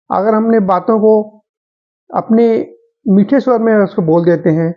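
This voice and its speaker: A man's voice: high-pitched, muffled recording. A man giving a motivational talk, speaking earnestly and addressing his listeners as friends.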